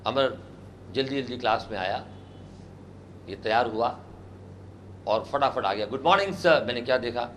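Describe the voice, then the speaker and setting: A man's voice: mid-range voice, unhurried, long pauses, slight background noise. A man teaching a spoken English class, quizzing students and having them repeat words. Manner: animated, asks the class questions and has them repeat words.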